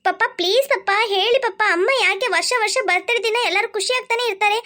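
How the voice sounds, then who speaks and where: A woman's voice: very high voice, fast, bright, forceful tone. A woman voicing a curious young girl in a cartoon who keeps pressing her father with questions. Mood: insistent. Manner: insistent questioning. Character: curious older daughter, persistent. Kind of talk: cartoon voice acting.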